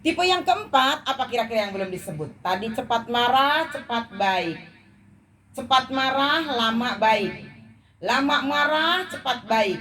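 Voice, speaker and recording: A woman's voice: a little high, expressive, a little slow, fairly bright tone. A woman leading a women's study group, giving an informal talk to a live audience. She jokes with them and keeps asking them questions. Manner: playful, quizzes the listeners and jokes.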